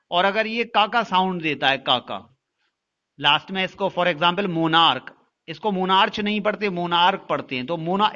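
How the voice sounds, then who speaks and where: A male teacher with an Indian English accent speaks slowly and deliberately in a bright, forceful voice. He spells words out letter by letter and puts questions to the class before he answers them. The recording is a little dull and lo-fi. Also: sits high. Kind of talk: classroom-style lesson in Hindi mixed with English.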